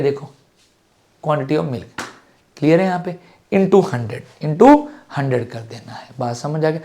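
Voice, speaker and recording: A man's voice: fairly high pitch, a little mellow. A middle-aged man with a Hindi accent teaching exam-prep maths, slightly sore-throated, asking questions in a student's voice and then answering them himself. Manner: asks and answers his own questions as a student.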